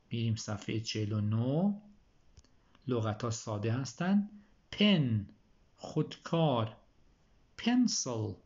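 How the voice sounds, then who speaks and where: Guy teaching vocab slow and careful, says each word then translates, kinda muffled recording. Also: mid-range voice, darkish tone. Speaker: English teacher.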